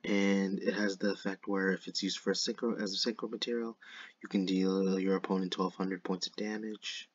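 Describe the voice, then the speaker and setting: Casual male gaming YouTuber, slushy lisp, monotone delivery, dull dry recording. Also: sits low, normal speed, slightly rough, no room sound. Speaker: YouTuber narrating a card game replay. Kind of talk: casual gameplay commentary. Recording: dull lo-fi microphone.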